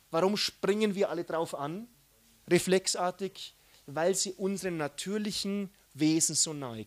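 A man preaching a sermon, animated, swinging between loud outbursts and soft, hushed asides. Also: fairly high pitch. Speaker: pastor.

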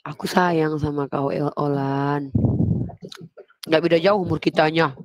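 Calm, coy woman teasing back. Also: deep voice, unhurried, no echo, low-quality recording. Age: 30s. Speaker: comedy skit performer. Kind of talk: teasing comic banter.

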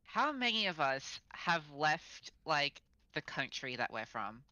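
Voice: mid-range voice, big pitch swings, slow, bright, forceful tone, no echo, dull audio. A speaker with an Australian accent in a casual chat among friends, wry and curious, steering the talk.

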